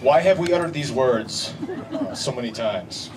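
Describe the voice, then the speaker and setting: A man's voice: mid-range voice, lively intonation, moderate pace. Man giving a wedding speech, distant noisy recording. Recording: distant mic, noisy live event ambience.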